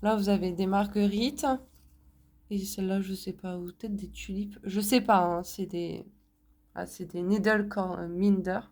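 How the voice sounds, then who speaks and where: A French woman showing her craft purchases in a casual haul video, talking slowly with many hesitations, a little hoarse because she is sick. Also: mid-range voice, steady tone, warm tone. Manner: slow, hesitant, many fillers. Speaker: crafts vlogger.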